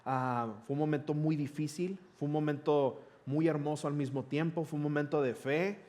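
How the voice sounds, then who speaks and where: A man's voice: on the high side, moderate pace. A middle-aged man, a pastor telling a personal story in a conversational sermon and acting out the dialogue. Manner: conversational, animated retelling with quoted dialogue.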